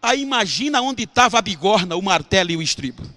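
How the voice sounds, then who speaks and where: Brazilian pastor, high bright gravelly voice, swings from hush to shouting. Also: male voice, animated, quick pace. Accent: Brazilian Portuguese. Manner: swings from hushed storytelling to shouted climaxes. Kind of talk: dramatic preaching sermon.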